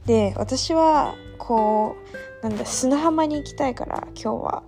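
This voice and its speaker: A woman's voice: high voice, measured pace, dark tone, faint music behind. A young woman talking in a casual late-night monologue, chatty and ranting, poking fun at herself. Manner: chatty, ranting, self-mocking. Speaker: vlogger.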